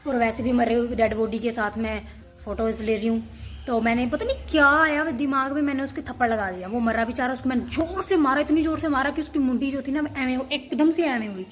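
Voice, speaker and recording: Chatty young woman vlogger, higher voice. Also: a little fast, slight background noise. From Himachal Pradesh, India. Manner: rambling, chatty, many restarts and fillers. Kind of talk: casual storytelling to camera.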